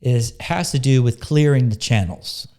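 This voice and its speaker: Slow, soft-spoken meditation guide, a man. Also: mid-range voice. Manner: calm, unhurried, pauses and restarts mid-phrase. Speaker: spiritual teacher leading a meditation.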